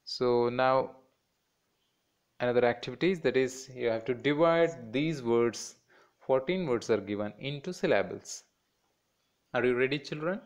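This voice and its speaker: A man teaching a children's lesson, slowly sounding out words one by one to show their syllables. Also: mid-range voice, lively intonation. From India. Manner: very slow, stretching out each word to model syllables.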